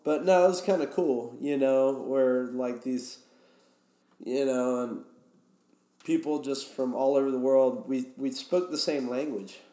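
A man's voice: medium pitch, unhurried, warm tone. A man guest telling stories in a casual, rambling way. He often restarts his sentences. The room has a roomy echo. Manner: rambling, many fillers and restarts. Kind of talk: casual storytelling.

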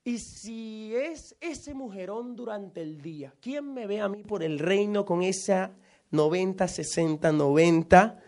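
A man's voice: high voice, slow, a little mellow. A man playing a vain medieval knight, musing aloud in a comic on-stage story.

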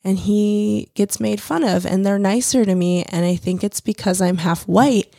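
A woman's voice: mid-range voice, normal speed, gravelly, warm tone, no echo, studio quality. A woman in her thirties chatting candidly, telling stories with lots of quoted voices and fillers. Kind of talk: casual chat.

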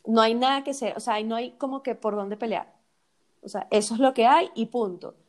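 Venezuelan-accented woman, slightly high voice, lively storyteller in casual chat. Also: fairly quick. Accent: Venezuelan Spanish. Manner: animated storyteller, many fillers and restarts.

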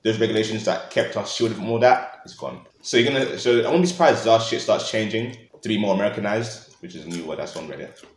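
A man's voice: fairly low pitch, fast. A young man with a London accent, chatting casually in informal slang. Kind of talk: casual chat. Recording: roomy, echoey sound.

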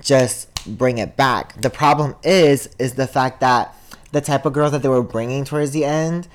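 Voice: mid-range voice, moderate pace. Young co-host, loose and chatty, talks in filler-heavy run-ons into a podcast mic. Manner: rambling, heavy on "like" and "um". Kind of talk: casual chat. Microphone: podcast studio mic.

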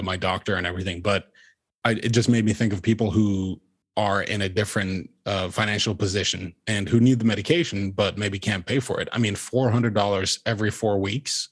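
A man's voice: fairly low pitch, slightly rough. A young man from Norway, co-hosting a podcast in casual, earnest chat. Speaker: podcast co-host.

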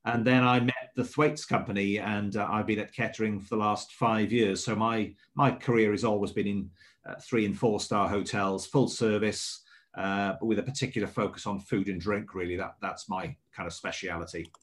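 A middle-aged man from Swansea with a mild South Welsh accent, giving measured, explanatory answers as a hotel manager being interviewed. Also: on the low side, steady tone. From Swansea, South Wales.

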